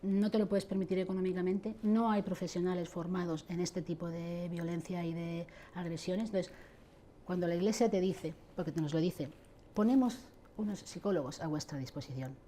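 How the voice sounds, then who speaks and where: Indignant middle-aged woman, interview guest; low, mellow voice. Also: level tone, moderate pace, slight background noise. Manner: impassioned, indignant, addresses church leaders directly. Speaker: interviewee, abuse survivor advocate. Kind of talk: interview answers.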